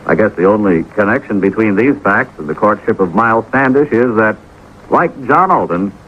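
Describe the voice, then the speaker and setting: A man's voice: on the low side, lively intonation, moderate pace. An American man giving a folksy, conversational scripted public service message as a 1950s radio announcer. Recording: dull, slightly noisy old radio recording.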